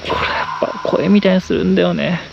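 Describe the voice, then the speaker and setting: A man vlogging a night ghost hunt on a mountain, muttering in a hushed, nervous way into a handheld camera, outdoors in the rain. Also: sits high, steady tone, fast, vocal fry, lo-fi sound. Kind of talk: ghost-hunting vlog commentary. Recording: noisy outdoor night recording.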